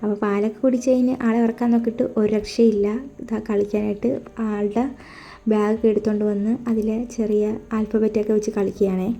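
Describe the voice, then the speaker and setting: A young stay-at-home mother from Kerala, India, chats casually about her daily routine in a homely, friendly way, sprinkling in lots of friendly tag words. Her medium-pitched voice is mellow and brisk, with a flat delivery.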